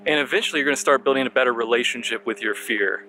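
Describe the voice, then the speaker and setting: Out on a bike trail and slightly out of breath, a marketing vlogger gives earnest, encouraging motivational advice to camera and asks viewers questions. His medium-pitched voice is rapid-fire, pushed and bright, and the poor audio carries a little hiss or hum.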